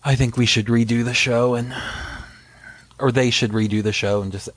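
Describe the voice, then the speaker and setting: A man's voice: medium pitch, fairly even intonation, normal speed, no echo. A man co-hosting a podcast, chatting casually and joking about a TV show, with plenty of fillers. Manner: laid-back, jokey, trails off in fillers. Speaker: podcast co-host.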